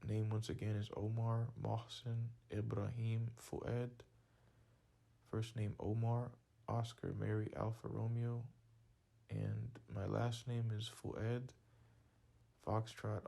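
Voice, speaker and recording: Man, leaving a voicemail, gravelly, fairly low voice, slow and deliberate. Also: mellow. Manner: slow and deliberate, spelling out details. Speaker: caller seeking a lawyer.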